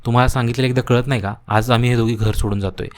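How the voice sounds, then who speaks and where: A man's voice: mid-range voice, fairly even intonation, rapid-fire, natural voice. Young cartoon sister-in-law, firm and defiant, voiced by a man.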